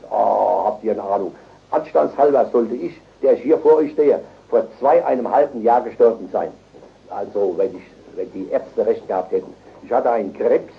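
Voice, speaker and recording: An older man preaching a fervent revival sermon, emotional and surging to loud, high exclamations, on a dull old tape recording. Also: gravelly.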